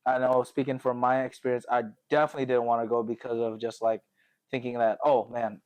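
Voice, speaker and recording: An American man from Connecticut, who later lived in Indonesia, hosts a podcast about his own life, telling stories in a casual, slangy way and often chuckling. His mid-range voice is smooth and flat, he speaks briskly, and the recording sounds muffled.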